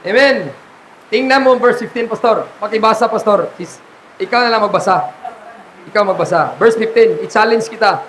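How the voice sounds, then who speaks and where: A man with a Filipino accent, a pastor preaching an animated sermon at a church conference. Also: high-pitched, slight background noise, poor audio. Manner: animated preaching, mixing in laughs and acted quotes.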